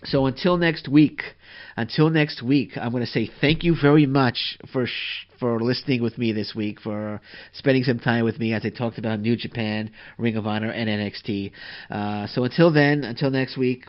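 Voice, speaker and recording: A man's voice: mid-range voice, moderate pace. Guy doing a solo wrestling podcast, gets all worked up, rambles and trips over words, kinda muffled lo-fi audio. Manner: excitable, rambling with many fillers. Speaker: podcast host.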